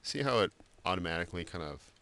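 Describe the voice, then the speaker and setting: A man giving a screen-recorded software drawing tutorial, talking loosely with many fillers and restarts. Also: sits low, sing-song, fast, slight background noise. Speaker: art instructor.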